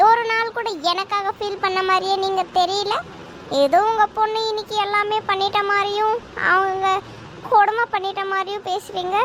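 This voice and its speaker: A woman's voice: extremely high pitch, noisy background. A woman voicing a hardworking, outspoken young daughter-in-law in a cartoon, blunt and reproachful. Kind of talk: cartoon voice acting.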